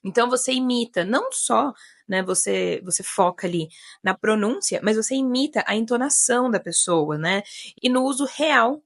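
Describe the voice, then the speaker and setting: A woman's voice: a little high, expressive, normal speed, dry recording, studio quality. A Brazilian woman in her thirties, an English teacher, explaining tips in a chatty video lesson. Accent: Brazilian Portuguese. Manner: chatty, many fillers like né and sabe.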